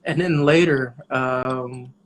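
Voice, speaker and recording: A male jazz trumpeter in his thirties, mid-range in pitch, chats as an interview guest with slight background noise around him. His manner is easygoing and thoughtful, broken up by frequent pauses.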